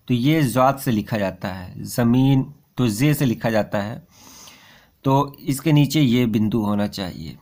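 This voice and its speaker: A man's voice: mid-range voice, a little mellow. Patient male Urdu script teacher. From India. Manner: patient, repetitive, points at the board. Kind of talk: explaining letters step by step.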